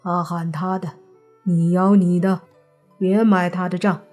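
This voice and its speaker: Story read-aloud: woman playing a haughty male emperor, commanding and unhurried. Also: fairly low pitch, level tone, darkish tone, faint music behind. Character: proud, self-assured male emperor in disguise.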